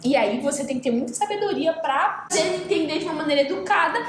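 A woman's voice: high voice, fast talker. A Brazilian woman co-hosting a casual chat, telling a story and acting out what people said. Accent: Brazilian Portuguese. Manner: animated storytelling, acting out quoted dialogue. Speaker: podcast co-host. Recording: roomy echo, faint noise.

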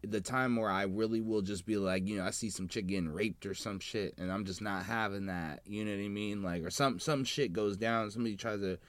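A man's voice: lowish voice, fairly quick, hardly any pauses, dry recording. A man in casual podcast chat, talking in a slangy, profane, bro-ish way. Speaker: podcast host.

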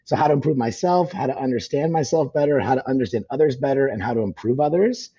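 A man talking fast as a podcast guest, rambling with lots of fillers and restarts. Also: mid-range voice, animated, dark tone, husky, lo-fi sound. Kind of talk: casual podcast conversation. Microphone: phone call.

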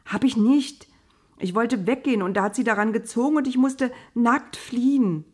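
A woman's voice: on the high side, moderate pace, slightly rough, pitched above the performer's own voice. Woman doing a timid young prisoner. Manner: timid, pleading.

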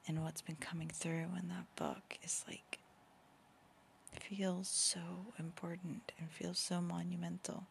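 Woman whispering at night, gravelly fry, lowish voice, yawns, faint ambient hush. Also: little pitch movement, a little slow, a little hiss or hum. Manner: whispering softly, yawning often. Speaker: podcast host and author. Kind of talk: whispered late-night podcast talk. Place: home at night with sleeping babies nearby.

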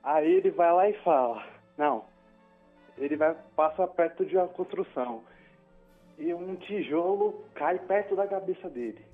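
A man from São Paulo state calling in over the phone to tell a joke, sounding sleepy and drowsy, with a soft, velvety voice. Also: on the high side, normal speed. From São Paulo state, Brazil. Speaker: caller telling a joke. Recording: dull phone line with faint music.

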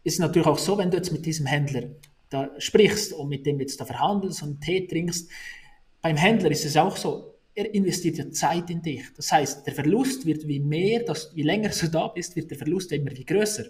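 A man's voice: fairly high pitch, normal speed, a little mellow. A man, answering interview questions in a casual way, often restarting and repeating words while he thinks. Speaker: negotiation expert guest.

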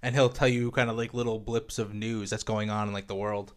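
A man in casual chat, explaining things eagerly with halting restarts. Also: lowish voice, level tone.

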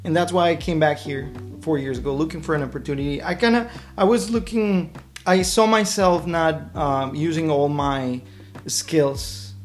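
A man's voice: fairly high pitch, normal speed, soft background music. A man from Mexico with a Mexican accent, a friendly interview guest who thinks aloud, with frequent ums and restarts. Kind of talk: casual interview.

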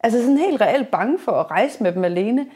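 A woman in her forties hosting a podcast, chatting casually and telling stories in a lively way with many restarts. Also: fairly high pitch, husky. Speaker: podcast host. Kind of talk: casual conversation.

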